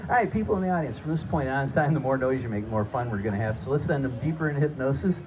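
A man's voice: medium pitch, animated, rapid-fire. A man hosting a live stage hypnosis show, giving short, repetitive, directive commands and showman patter to participants and audience. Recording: noisy, muffled live stage recording.

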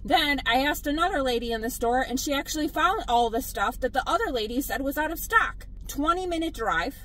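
A woman, a delivery driver vlogging from her car, blunt and animated as she tells her stories. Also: high voice, brisk, a little hiss or hum, rough recording. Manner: exasperated, blunt, animated storytelling. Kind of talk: casual vlog venting to viewers.

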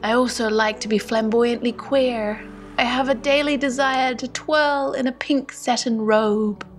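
A Canadian woman narrating a travel vlog in a gentle, hushed voice that sometimes drops to a whisper, and reading poetry aloud. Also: fairly high pitch, steady tone, unhurried, soft background music. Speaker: vlogger. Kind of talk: soft-spoken voice-over narration and poetry reading.

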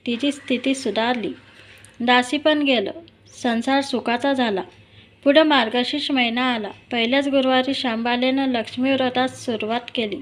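A woman narrating a devotional folk tale in a steady, recited storytelling manner. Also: fairly high pitch, rough recording.

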